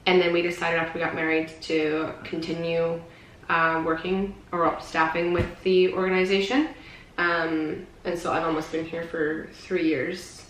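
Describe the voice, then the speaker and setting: A woman's voice: lowish voice, level tone, a little slow, fairly bright tone, reverberant, a little hiss or hum, poor audio. A woman in her twenties from British Columbia, chatting casually in a Q&A vlog and reading out the questions. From British Columbia, Canada. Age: 20s. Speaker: vlogger, youth missions worker. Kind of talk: casual Q&A chat.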